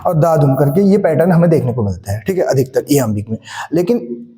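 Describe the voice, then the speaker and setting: Male English-literature tutor, high voice, mellow tone, reverberant room; repetitive teacher talk. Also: expressive, a little fast. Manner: explains and repeats key points, asks and answers his own questions; mixes English terms into Hindi. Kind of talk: exam-prep lecture. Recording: echoey room with long reverb.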